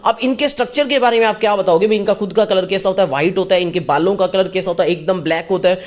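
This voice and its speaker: A man's voice: sits high, rapid-fire. A male teacher giving a casual exam-prep lecture, asking and answering his own questions as he goes. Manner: mixes English terms into Hindi speech.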